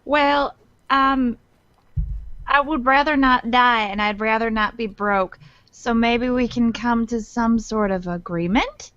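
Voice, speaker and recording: A woman's voice: a little high, slow, a bit bright, clear, resonant tone, dry recording, dull audio. A woman speaking casually as a player in a tabletop role-playing game. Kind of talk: casual role-play chat.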